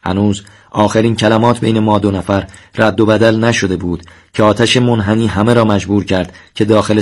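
Male narrator with a somewhat low voice for a steady, solemn reading of a war memoir.

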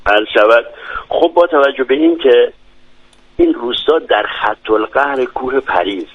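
A man's voice: mid-range voice, no room sound. Eager man. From Lorestan, Iran. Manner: enthusiastic, descriptive, many hesitations. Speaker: guest from a village. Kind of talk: radio interview. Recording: dry, dull lo-fi radio sound.

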